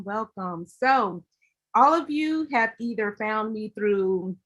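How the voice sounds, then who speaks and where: Upbeat Southern woman on a livestream. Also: fairly high pitch. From Alabama. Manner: upbeat and chatty, shouting out viewers' hometowns. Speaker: host of a credit workshop livestream. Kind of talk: livestream chat greeting viewers.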